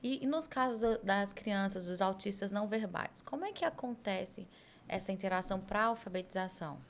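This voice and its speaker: Uma mulher apresentando um podcast, conversando de forma animada e descontraída. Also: female voice, medium pitch, expressive, a little fast, a little hiss or hum. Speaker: podcast co-host. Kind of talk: casual podcast chat.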